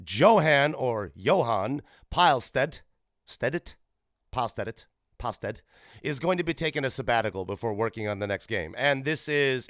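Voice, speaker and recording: Here the solo gaming podcast host, a man in his thirties, talks in a medium-pitched, fairly bright voice. He rambles in a relaxed way and keeps fixing what he's just said. The podcast microphone gives clean studio sound without any room echo.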